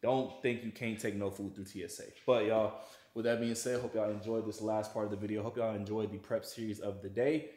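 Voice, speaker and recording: A man's voice: lowish voice, little pitch movement, brisk, darkish tone. A young man talking casually to camera in a slangy, laid-back way while cooking in a large home kitchen. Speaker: fitness vlogger. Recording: echoey kitchen room.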